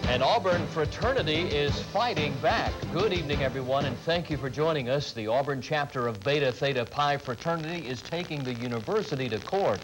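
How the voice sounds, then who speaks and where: A man's voice: a little high, fairly quick, hardly any pauses, music in the background, poor audio. A man anchoring a local television newscast, reading scripted news.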